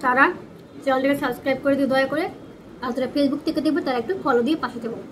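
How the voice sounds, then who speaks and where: A woman with a West Bengal Bengali accent speaks in a high-pitched voice. She chats casually to her viewers as she eats, her mouth partly full at times. There is noticeable background noise around her. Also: fairly even intonation, very fast. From West Bengal, India. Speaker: food vlogger. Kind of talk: casual chat to viewers over a meal. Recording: clear background noise and ambience.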